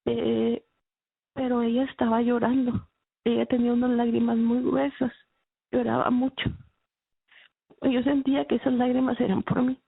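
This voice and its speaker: A woman giving a halting, emotional personal faith testimony, with many restarts. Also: a little high, little pitch movement, gravelly, slightly rough, dry recording. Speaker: testimony speaker. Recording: dry, phone-like narrow sound.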